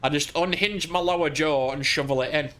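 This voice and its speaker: An English man in a slightly high register talks his way through a truck driving game. He keeps up loose, crude, joking banter with his co-player as he plays. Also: fairly quick, pushed and bright. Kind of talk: casual gaming chat.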